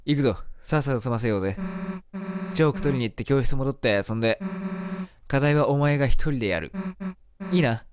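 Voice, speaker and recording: A man voicing a tough, rude monster schoolgirl who talks in a gruff, threatening way while reading game dialogue. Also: mid-range voice, a little fast, pauses often, soft background music, voice pushed down, close to an everyday voice. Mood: menacing. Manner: gruff, threatening, coarse speech. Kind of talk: voicing game dialogue during a let's play.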